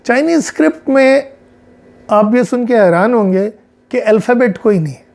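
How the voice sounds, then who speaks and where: A man with a Pakistani Punjabi accent, a psychologist giving an explanatory lecture, talking in a measured way, working through examples and mixing in English phrases. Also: very high-pitched, creaky, a little mellow. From central Punjab, Pakistan.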